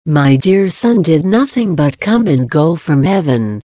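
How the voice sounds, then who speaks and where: Brief: woman reading as a tender queen of heaven, low and slow, mellow and dry. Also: lively intonation, dry recording. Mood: solemn. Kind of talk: devotional reading.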